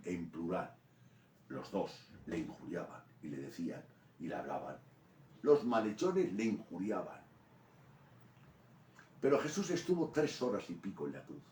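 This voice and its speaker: A man with a Spanish accent from Spain, preaching a sermon in an animated storytelling way. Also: sits low, slight background noise. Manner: animated storytelling preaching, rising to loud peaks. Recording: roomy echo from a distant mic.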